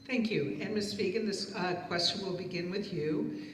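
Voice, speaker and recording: A woman's voice: lowish voice, moderate pace, background noise. A woman moderating a candidate forum, formally reading out questions. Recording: echoey hall, mic far off.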